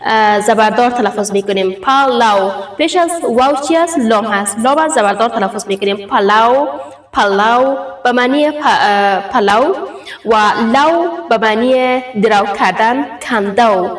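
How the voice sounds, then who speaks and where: A woman teaches a step-by-step language lesson, repeating each example word slowly for drill. Her voice sits a little high. She is heard from a short way off the mic, in a room that echoes. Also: far from the mic.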